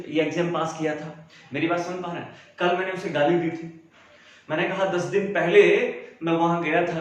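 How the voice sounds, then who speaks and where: A man teaching an English grammar lesson, who explains by repeating himself and asking the students questions. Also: high-pitched. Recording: very echoey room, faint background noise.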